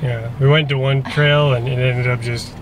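A man's voice: mid-range voice, steady tone, moderate pace, a little hiss or hum, poor audio. A young man chiming in casually on a travel vlog, laid-back and brief. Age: young adult. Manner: laid-back, brief, adds short remarks. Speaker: vlog co-host. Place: outdoors on a coast and in a car.

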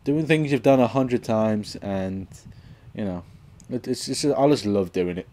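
A man's voice: fairly low pitch, measured pace. Sweary young man narrating his gameplay. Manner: sweary, sarcastic, bursts into loud outbursts at the game. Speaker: gameplay commentator. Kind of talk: casual let's-play commentary.

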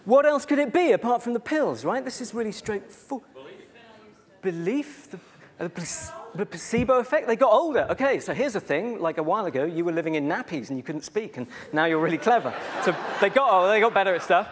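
A man's voice: sits high, lively intonation, brisk. A British man giving a conference talk on bad science, chatty and sarcastic, with many fillers and asides. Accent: British English. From Britain. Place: conference stage before an audience.

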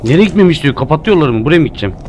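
A man's voice: on the high side, lively intonation, rapid-fire, a little hiss or hum. Jumpy, joking man streaming a horror game. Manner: jumpy, jokey, cursing at the game. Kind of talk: live gameplay commentary.

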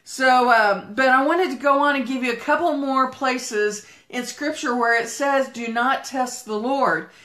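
A woman pastor giving a fervent livestreamed Bible teaching, talking fast as she walks and breaking into prayer. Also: high voice, a bit bright, echoey room. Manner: talks fast while walking.

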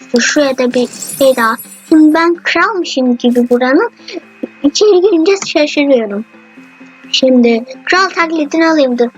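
A woman giving chatty, excitable commentary while playing a video game. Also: high-pitched, normal speed, low-quality recording. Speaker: gamer. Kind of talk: gameplay commentary. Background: faint game music.

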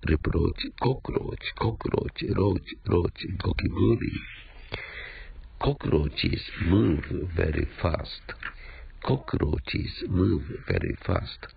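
Japanese-accented male English teacher, gravelly husky delivery, spells out words, muffled lo-fi sound. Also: low voice. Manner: repeats words slowly, spells them out letter by letter. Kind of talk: English vocabulary lesson.

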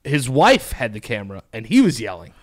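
A man co-hosting a casual podcast, telling stories with lots of swearing and animated delivery. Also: mid-range voice, fairly quick. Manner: profane, animated storyteller. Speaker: podcast co-host. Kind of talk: casual chat.

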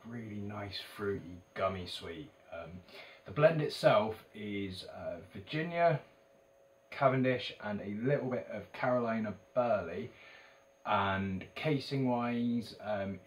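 An English man with a fairly low voice presents a casual review in a chatty, hesitant way, letting phrases trail off. He sounds a little distant from the microphone, with faint noise behind him. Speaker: tobacco shop video reviewer. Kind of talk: casual product review to camera. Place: indoors, in a shop corner by a banner.

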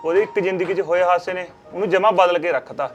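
A man's voice: high-pitched, quick pace, muffled recording, soft background music, close to an everyday voice. A man playing a friendly young mechanic who reassures and explains. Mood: earnest. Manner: easygoing, reassuring. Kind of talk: Punjabi short film acting.

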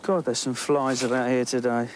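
On location at a lake, this English presenter in middle age talks enthusiastically to camera as he fishes and explores the bank. His voice is medium-pitched and moderately paced with little pitch movement, and he chats through small restarts while thinking aloud. The audio has a little hiss or hum.

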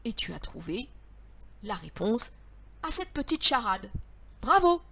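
A woman's voice: a little high, sing-song, unhurried, a bit bright. A woman teacher with a French accent, giving a patient lesson to young children and stretching out syllables in a sing-song way.

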